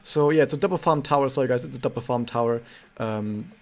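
A man's voice: mid-range voice, fast, faint music behind. A man hosting a casual gaming news vlog, rambling with frequent restarts as he talks viewers through an in-game event. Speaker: gaming news channel host. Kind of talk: casual gameplay commentary vlog.

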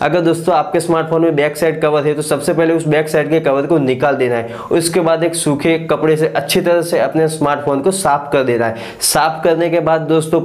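A man's voice: fairly high pitch, darkish tone. A man in his thirties hosting a tech channel, giving scripted, earnest advice to camera in a small living room on a lapel mic, and he keeps calling his viewers his friends. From India. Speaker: tech YouTuber host.

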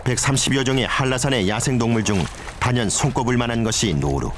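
A man's voice: mid-range voice, fast, background noise. A man reading scripted narration for a nature documentary as its narrator.

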